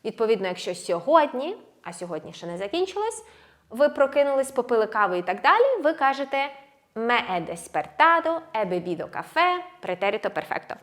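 A woman teaching Spanish grammar in a language lesson, alternating explanations with slowly drilled verb forms. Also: fairly high pitch, very animated, a bit bright. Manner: switches between Ukrainian and slow, drilled Spanish words; clear, measured explaining with stressed endings.

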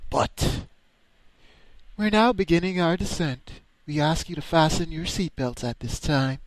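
A man with a slightly high voice streams a game, reading its text aloud in an animated, somewhat slow way while cracking crude, mocking jokes. His accent blends British, Caribbean and American. The audio is poor but has no echo.

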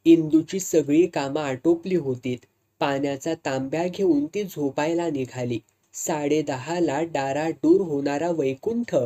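A woman reading a story aloud in a steady, measured way. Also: low voice.

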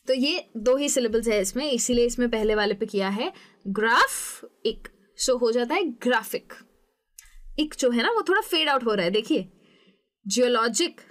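A young woman teaching an English lesson, explaining patiently step by step and saying example words slowly. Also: sits high.

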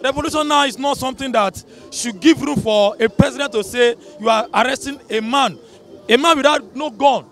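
Young Nigerian man, very high voice, earnest and halting, street vox pop. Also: a bit bright, soft background music. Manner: pleading, stumbles and repeats words. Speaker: passer-by in street interview. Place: busy city street outdoors. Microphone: handheld mic held by interviewer.

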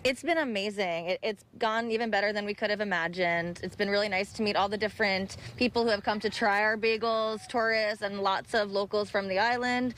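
A young woman who runs a bagel business speaks upbeat into a handheld reporter mic during a live TV interview in an oceanside park, explaining her menu. Her voice is medium-pitched and fairly bright, with slight background noise.

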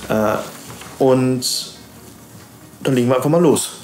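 A man's voice: medium pitch, a little slow, darkish tone, reverberant. A man co-hosting a podcast interview, asking questions hesitantly with many fillers. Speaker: volunteer co-host.

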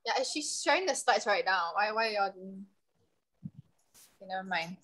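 A woman's voice: mid-range voice, expressive, normal speed, a bit bright, low-quality recording. A young woman with a Singaporean accent casually hosts a guessing game on a video call, using colloquial Singlish. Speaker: online game host. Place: indoor room, video call. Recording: online group video call.

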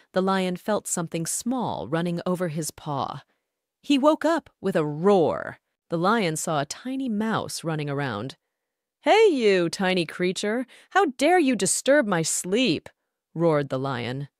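A woman narrating a scripted bedtime story for children in an even, gentle storybook reading manner. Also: low voice, dry recording, clean studio sound.

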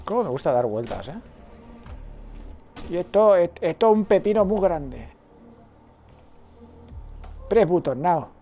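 A man, a let's play streamer giving excitable gameplay commentary and talking to himself. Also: a little high, measured pace, pauses often, faint music behind. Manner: excitable, swears freely, talks to himself.

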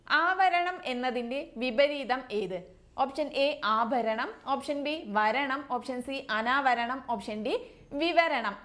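Exam coach, female, from Kerala, slightly high voice, methodical quiz reading with frequent "okay". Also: a bit bright. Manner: reads options then confirms the answer, with frequent "okay". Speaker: exam prep teacher. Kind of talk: quiz-style language lesson.

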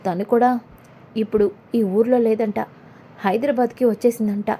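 A dutiful male assistant reporting to his boss, as a woman narrator reads him. He speaks deferentially. His voice is soft and fairly high. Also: fairly even intonation, moderate pace, breathy edge.

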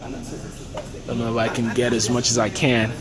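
This is a man with a mid-range voice, an aviation vlogger, casually touring an aircraft in a large indoor hangar at an expo and recording it on a handheld phone. Laid-back and talkative, he leans on "okay" and "uh" between thoughts. Crowd chatter and music can be heard around him.

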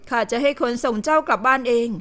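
A woman voicing a gentle, wealthy young nobleman who speaks softly and calmly in an audio novel. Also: sits high, fast talker. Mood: soothing. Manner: soft, calm and soothing.

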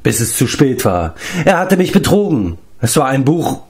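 A man's voice: mid-range voice, sing-song, normal speed, a little mellow, voice pushed up. A man voicing a whiny, self-pitying male giant in an audiobook reading, wailing his complaints.

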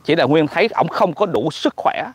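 A man with a Southern Vietnamese accent gives casual political commentary in an animated, mocking, exclamatory way. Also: on the high side, moderate pace, husky, dry recording.

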